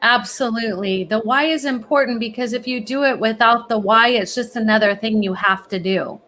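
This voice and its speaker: A woman's voice: a little high, moderate pace, fairly bright tone. A woman as a guest expert in a podcast interview, giving upbeat, encouraging advice. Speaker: college planning expert, guest.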